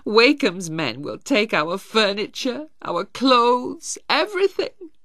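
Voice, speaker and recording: A woman's voice: fairly high pitch, very animated, takes it slowly, fairly bright tone, no room sound, studio quality, voice pushed up, full character voice. A woman reading a storybook voicing a despairing middle-aged mother who laments.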